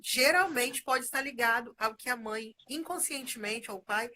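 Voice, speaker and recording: A woman with a bright, somewhat high voice speaks as a guest in a conversation. She explains her ideas in a measured, steady way and often closes phrases with a questioning tag. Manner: measured, explaining, frequent "né?" tags.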